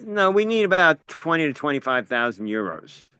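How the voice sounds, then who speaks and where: A man's voice: fairly high pitch, very animated, moderate pace, sharp tone, clean tone, no room sound, dull audio. Rambling American man telling stories. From United States. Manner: rambling, self-interrupting storyteller. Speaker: actor and playwright. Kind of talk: casual conversation.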